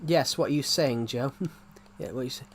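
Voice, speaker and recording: A medium-pitched male voice at normal speed, with slight background noise, belongs to a young game streamer from outside London. His thick regional British accent colors a casual live-stream chat. He meanders, says things twice and frequently begins sentences over.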